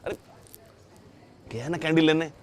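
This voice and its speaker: A man's voice: fairly high pitch, unhurried, lightly acted. An actor playing a young son who patiently coaxes his playful father. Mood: coaxing. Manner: coaxing, lively.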